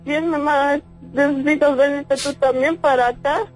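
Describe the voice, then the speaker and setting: A woman's voice: sits high, steady tone, measured pace, faint music behind. A woman with a Mexican accent, a distraught, swearing mother-in-law venting at length on a phone call. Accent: Mexican Spanish. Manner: distraught, profane, talks in long venting runs. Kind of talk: heated phone conversation.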